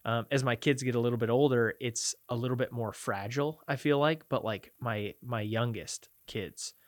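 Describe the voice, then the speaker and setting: A man's voice: mid-range voice, steady tone, moderate pace, no room sound, clean studio sound. A man in his thirties, a podcast co-host, talking about love in a rambling, reflective way with frequent restarts. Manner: rambling, self-correcting, reflective. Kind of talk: casual faith discussion.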